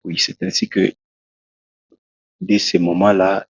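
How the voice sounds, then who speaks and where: A Congolese preacher, a man, tells his testimony in an interview, slowly and haltingly, with many restarts. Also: low-pitched, level tone, husky, no echo. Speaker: preacher, guest. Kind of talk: testimony in a talk show interview. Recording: dull, lo-fi dry sound.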